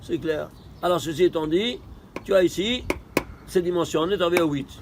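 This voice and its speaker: A man with a notably high voice gives a Torah study lesson. He fires off rhetorical questions and answers them himself. He swings between emphatic bursts and quiet asides, over faint vehicle noise. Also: brisk. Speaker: Torah teacher.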